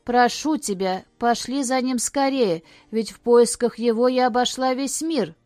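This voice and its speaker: Tearful pleading beggar mother, read by a woman, soft dry voice, faint music. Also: fairly high pitch, a little slow, no room sound, voice pushed up, natural voice. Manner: pleading, sobbing.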